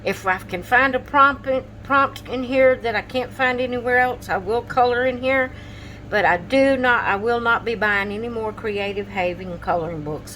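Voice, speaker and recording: At home, a woman chats casually to her camera while showing her coloring pages, sounding drowsy, yawning, apologizing and trailing off mid-sentence. Her voice is on the high side and fairly bright, and the low-quality recording has slight background noise.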